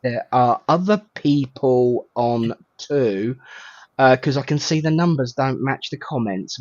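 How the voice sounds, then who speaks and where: A man's voice: mid-range voice, no echo, dull audio. A man with a southern English Estuary accent, hosting an online service in an informal, colloquial, jokey way as he welcomes people. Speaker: host of an online spiritual service. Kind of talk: informal welcoming of guests and viewers.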